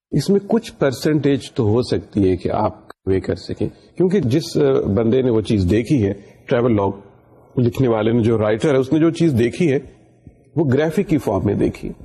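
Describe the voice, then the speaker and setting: A man's voice: on the low side, lively intonation, dark tone, breathy edge. A middle-aged man from Pakistan giving a university lecture, explaining patiently and slipping English phrases into his talk. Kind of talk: recorded lecture.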